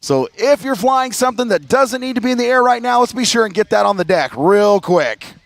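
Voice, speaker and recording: An American man doing airshow commentary as the announcer, addressing a crowd in a showman's style with drawn-out emphasis. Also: extremely high pitch, expressive, creaky, no room sound.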